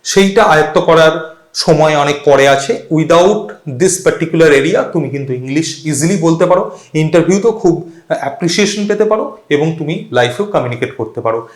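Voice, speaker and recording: A man's voice: fairly high pitch, echoey room. A man giving a spoken English lesson, explaining step by step and spelling words out. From West Bengal. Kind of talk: instructional talk to camera.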